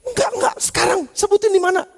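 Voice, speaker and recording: Man acting out a headstrong disciple in a sermon, high voice, hall reverb. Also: fast. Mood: insistent. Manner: insistent. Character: Peter, stubborn impulsive male disciple. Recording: long church reverb.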